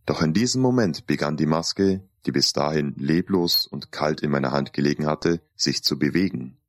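A man calmly narrating a first-person story in a deliberate storytelling manner. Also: very deep voice.

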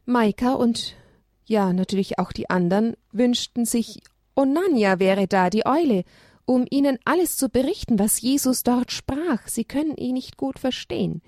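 A woman reads a children's story aloud with a gentle, expressive delivery. Her voice sits a little high. The recording is dry and close, with no room sound. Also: normal speed, dry recording.

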